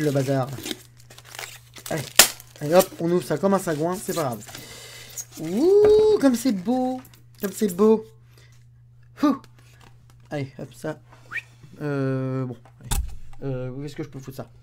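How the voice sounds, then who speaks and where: A man's voice: a little high, background noise. A man hosting an unboxing video at home, chatting to the camera and grumbling aloud as he unwraps things. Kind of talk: casual talk to camera.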